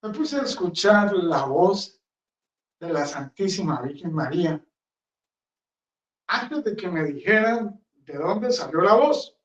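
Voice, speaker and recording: Rambling friar preaching in a roomy chapel. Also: male voice, high voice, expressive, slow, long pauses. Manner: rambling, conversational, blunt. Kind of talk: sermon. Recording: roomy, distant, dull sound.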